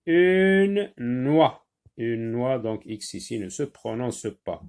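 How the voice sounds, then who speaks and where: A man teaching a French phonics lesson, slowly repeating and stressing each sound for young learners. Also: medium pitch, steady tone, gravelly, warm tone.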